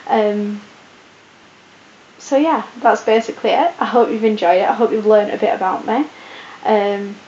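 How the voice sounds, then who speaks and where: In a casual Q&A, a sleep-deprived young woman chats her way through viewer questions, rambling with many ums and restarts. She affects a posh British accent; her croaky voice is mid-range, fairly even, a little mellow and at normal speed. Audio is dull and lo-fi, with faint hiss and room echo.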